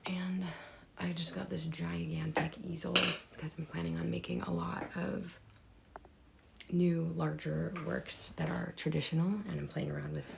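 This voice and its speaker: Woman, deep gravelly hoarse voice, rambling candid vlog from her home art room, faint hiss. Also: little pitch movement, moderate pace. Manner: rambling, many fillers and restarts. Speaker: artist vlogger. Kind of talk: unscripted personal vlog. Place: home room with desks and easel.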